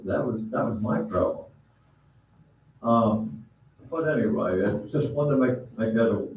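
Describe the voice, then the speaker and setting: At public comment during a council meeting, a man with a fairly low voice complains bluntly, hesitating with fillers. He is recorded from far off in a dull, echoey council chamber, with a little hiss or hum.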